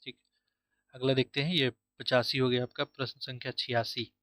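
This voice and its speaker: A man's voice: medium pitch, little pitch movement, normal speed, pushed and bright, no room sound. A man teaching Hindi for an exam, asking himself questions and repeating each answer to drill it in. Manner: uses English words like "easily", "correct", "option" inside Hindi. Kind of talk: online exam-prep lesson.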